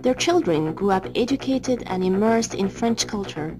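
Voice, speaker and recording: Female documentary narrator, measured scripted read, music bed behind. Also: medium pitch, lively intonation. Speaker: documentary presenter.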